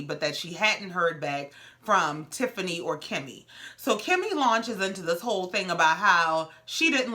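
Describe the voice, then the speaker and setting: Sassy woman with a bright, lively voice. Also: lowish voice. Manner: sassy, blunt, exasperated. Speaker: reality TV recap host. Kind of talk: casual recap commentary.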